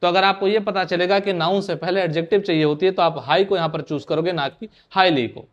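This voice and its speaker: A man's voice: high-pitched, steady tone, fairly quick, muffled recording. A male teacher giving an online exam-prep lecture in with terms, often putting questions back to his students and drilling the answers.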